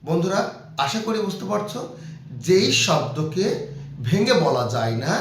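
Male teacher, slightly high voice, patient repetitive kids' lesson, very reverberant room. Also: very animated, slight background noise. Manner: slow, repetitive explaining to young kids. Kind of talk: children's grammar lesson. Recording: very echoey room.

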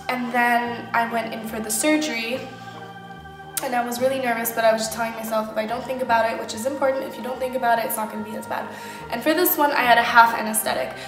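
A young adult woman speaking casually to camera as a vlogger, rambling informally and giving emphatic advice in a home kitchen. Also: on the high side. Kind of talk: casual personal chat to camera. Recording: echoey room, music behind voice. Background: music.

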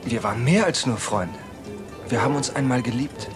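Guy dubbing a lovesick soap admirer, soft and pleading, music under it. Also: mid-range voice, lively intonation, moderate pace, natural voice. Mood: wistful. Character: lovesick man pining for his old flame. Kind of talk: German TV soap dub.

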